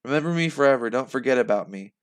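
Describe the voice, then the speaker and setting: A man voicing a crying eleven-year-old girl, with a high strained fake-sobbing voice. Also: expressive, racing, lightly acted. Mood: tearful.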